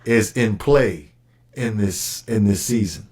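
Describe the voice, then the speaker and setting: A man's voice: fairly low pitch, takes it slowly, a little mellow, breathy edge. A man co-hosting a casual fan podcast, laid-back and a bit hesitant, putting questions to his partner. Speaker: podcast co-host.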